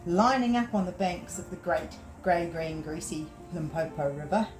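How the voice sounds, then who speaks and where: Woman, New Zealand accent, storytime reader for toddlers; lively melody, faint music bed. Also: lowish voice, moderate pace, poor audio. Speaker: children's librarian. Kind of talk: storytime read-aloud.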